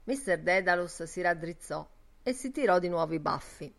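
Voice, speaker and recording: Expressive woman reading a novel. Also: on the low side, moderate pace, vocal fry. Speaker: audiobook reader. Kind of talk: literary audiobook narration.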